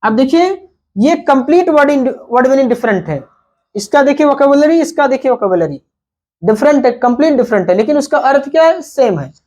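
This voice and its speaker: A man's voice: extremely high pitch, expressive, fairly quick, darkish tone. A man teaching a lesson, spelling words out letter by letter and asking himself questions as he explains. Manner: repetitive, rhetorical questions. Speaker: English teacher.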